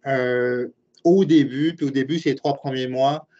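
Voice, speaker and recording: Unhurried and warm, with a steady tone and medium pitch, this man in his late forties carries a Québécois French accent. He is a university program director and professor who answers webinar questions by earnestly explaining his views and thinking aloud. Muffled, lo-fi web call audio captures him.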